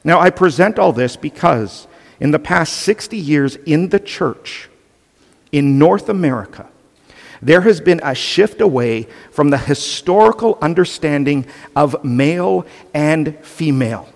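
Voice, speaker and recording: A man's voice: a little high, expressive, a little slow, vocal fry, long reverb tail. A male pastor delivering an earnest, emphatic sermon, often restarting his phrases.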